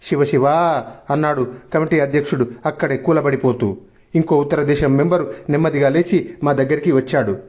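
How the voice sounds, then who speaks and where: A man with a somewhat high voice reads a comic short story aloud, steady and plain. The sound is dull and lo-fi. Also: a little fast. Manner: plain, steady reading with quoted dialogue. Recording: dull lo-fi recording.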